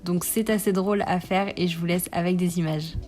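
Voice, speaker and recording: A woman's voice: fairly low pitch, steady tone, fairly quick, dark tone, soft background music. A young woman narrating a casual food vlog, gushing with enthusiasm about each dish. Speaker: food vlogger.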